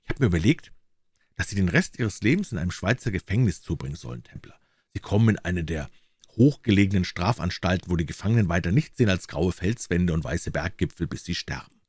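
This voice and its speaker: A man doing a calm, menacing avenger. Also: sits low, fast, husky, dry recording, clean studio sound. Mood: cold. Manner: calm, controlled and threatening.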